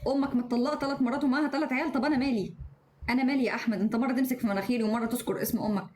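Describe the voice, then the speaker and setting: A woman in her twenties with an Egyptian accent, live streaming and reading out viewer comments with quick, sharp-tongued retorts, talking into her phone at home. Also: a little high, fairly even intonation, slight background noise. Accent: Egyptian Arabic. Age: 20s. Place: indoors at home.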